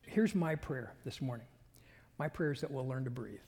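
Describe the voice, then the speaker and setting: Husky-voiced pastor in a reverberant hall. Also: male voice, medium pitch, lively intonation, moderate pace, a little mellow. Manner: earnest, breath-paced, sometimes drops to a whisper. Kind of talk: sermon. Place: church sanctuary.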